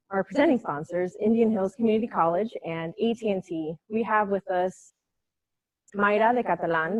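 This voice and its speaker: A woman co-hosting an online event, introducing the next speaker in a measured way. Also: medium pitch, no echo, rough recording. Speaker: event host.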